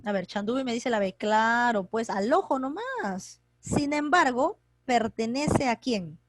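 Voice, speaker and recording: A woman runs an online grammar class, calling on students by name in a quick, chatty way. Her voice sits fairly high and sounds dry and close to the mic, with no room echo. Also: lively intonation. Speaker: teacher. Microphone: computer mic on a video call.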